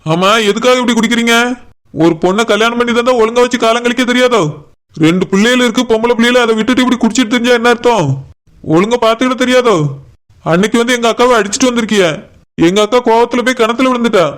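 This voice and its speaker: A man's voice: very high-pitched, steady tone, fast talker, a bit bright, clean tone. A man voicing a stern scolding young brother. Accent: Kanyakumari Tamil. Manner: scolding, threatening.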